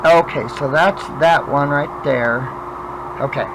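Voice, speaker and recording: A man with toothless, slurred speech, chatting casually and haltingly as he demonstrates a craft, thinking aloud while he works. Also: on the high side, background noise. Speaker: craft vlogger demonstrating wood burning. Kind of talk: casual chat while working.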